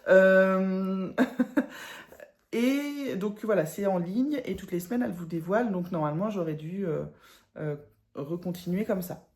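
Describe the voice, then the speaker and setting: A woman with a northern French accent talks casually, as if to friends, about her stitching. She is chatty and pokes fun at herself, laughing now and then. Her voice is mellow and warm, at a middle pitch. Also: unhurried. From northern France. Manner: chatty, self-mocking, laughs often. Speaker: embroidery vlogger. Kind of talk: casual chat.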